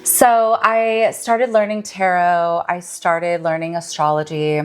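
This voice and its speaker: A woman's voice: on the low side, little pitch movement, takes it slowly, a little hiss or hum. A woman in her thirties from Michigan, a guest healer telling her story in an earnest, reflective way. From Michigan, USA. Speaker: podcast guest, mystic and healer. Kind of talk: casual podcast interview.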